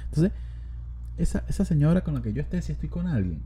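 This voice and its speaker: A man's voice: fairly high pitch, big pitch swings, quick pace, warm tone, a little hiss or hum. A young man with a Venezuelan accent, hosting a podcast in a casual comedic monologue, joking, swearing and rambling as he talks. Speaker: podcast host.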